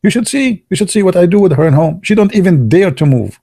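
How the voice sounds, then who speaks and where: A man's voice: high-pitched, lively intonation, fast talker, warm tone, breathy edge, voice pushed up, exaggerated voice. A man voicing a boastful, bossy husband in a joke, swaggering and bragging.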